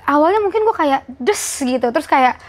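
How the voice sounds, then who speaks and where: Casting: woman, late 20s, high voice, reflective and candid host. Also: lively intonation, brisk. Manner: reflective, emotional, informal slang. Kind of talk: casual candid conversation.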